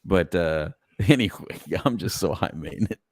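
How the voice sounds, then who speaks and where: A middle-aged podcast host with a very low, darkish voice chats casually at a moderate pace, his lively intonation swinging freely up and down. He rambles through restarts and often breaks into laughter, and the recording is close and dry.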